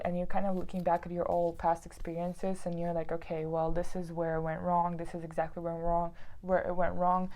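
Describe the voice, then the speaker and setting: A woman giving a casual tarot reading to her viewers, chatty and heartfelt, filling her talk with "like" and "you know.". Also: medium pitch. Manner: reads card texts aloud in a calmer tone. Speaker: tarot card reader.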